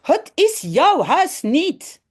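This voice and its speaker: A woman reading aloud the lines of a cross little girl guarding her dollhouse, in a slow, deliberate way. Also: very high-pitched, wildly swooping pitch, pitched above the performer's own voice, exaggerated voice. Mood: scolding. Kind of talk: reading a children's story aloud.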